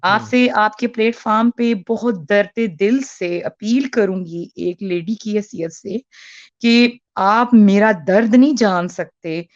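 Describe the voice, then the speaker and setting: A woman in her 40s calls in on a phone line, speaking earnestly but hesitantly, with many fillers and restarts. Her mid-range voice moves slowly, and the recording is muffled, without echo.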